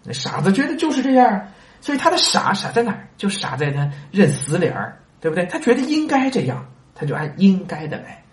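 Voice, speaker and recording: Man, storytelling lesson with commentary, rhetorical questions, fairly high voice, very animated pitch, roomy echo. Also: a little fast. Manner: conversational, asks listeners rhetorical questions. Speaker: reader and commentator on a classic story.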